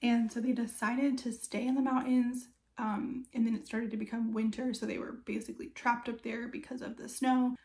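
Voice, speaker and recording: A woman's voice: fairly high pitch, little pitch movement, moderate pace, gravelly, hardly any pauses, darkish tone. A woman around her thirties giving a casual, chatty book review in a conversational way, with loose asides. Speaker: book reviewer and video host.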